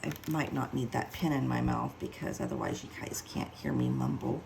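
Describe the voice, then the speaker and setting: A woman's voice: rumbling low, huge pitch swings, moderate pace, gravelly, a little mellow, slight background noise, poor audio. A woman giving a casual craft tutorial, chatty and self-mocking as she thinks aloud while working. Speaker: card-making demonstrator.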